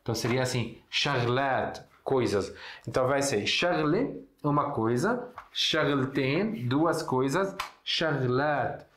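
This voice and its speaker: A man's voice: mid-range voice, animated, slow pace, fairly bright tone, slight background noise. Man teaching in a roomy echo. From Syria. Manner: patient, repeats words and checks in with "né?". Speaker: Arabic teacher. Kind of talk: casual language lesson.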